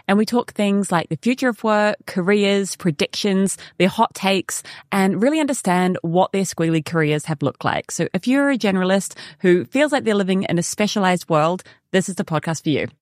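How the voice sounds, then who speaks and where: A woman's voice: medium pitch, animated, brisk, no room sound, clean studio sound. Bubbly woman podcast host. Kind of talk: casual interview chat.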